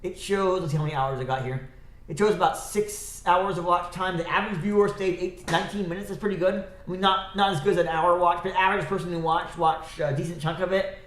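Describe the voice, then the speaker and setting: A livestreamer rambles through a solo chat, talking fast and loosely, halting and restarting sentences and correcting himself as his thoughts drift. His slightly high, fairly bright voice holds a steady tone but sounds a bit stuffy-nosed and scratchy-throated, in an echoey room.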